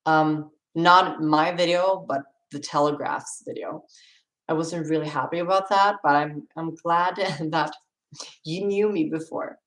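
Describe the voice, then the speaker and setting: A woman's voice: low voice, steady tone, measured pace, a bit bright, echoey room. A young woman from Sweden with a Swedish accent, chatting casually on a live stream as she answers viewer questions and laughs often.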